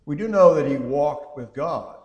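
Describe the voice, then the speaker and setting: A man teaching a Bible class in a conversational way, thinking aloud with frequent pauses and reading scripture passages aloud. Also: on the high side, animated, a little mellow, highs cut off. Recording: echoey hall with long reverb.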